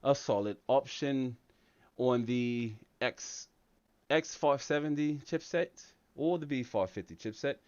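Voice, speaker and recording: A man's voice: medium pitch, fairly quick, clear, resonant tone, no room sound, highs cut off, lightly acted. An American man, a tech channel host, putting on a hammy fake London English accent with British slang during a livestream Q&A. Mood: playful. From United States.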